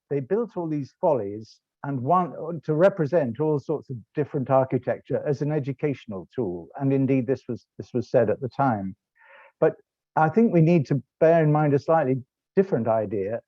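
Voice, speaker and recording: A man's voice: medium pitch, no room sound, highs cut off. A middle-aged British man with an English accent, giving a rambling, self-correcting online lecture over slides. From England. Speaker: lecturer and tour guide.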